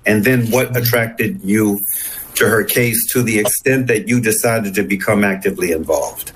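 A man hosting an interview, speaking haltingly with many fillers and restarts. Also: fairly low pitch, fairly bright tone, slight background noise, low-quality recording. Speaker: host.

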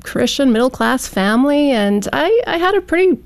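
A woman from Canada, a teacher and author, telling her story in a chatty, animated way. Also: sits high, normal speed. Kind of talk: interview storytelling.

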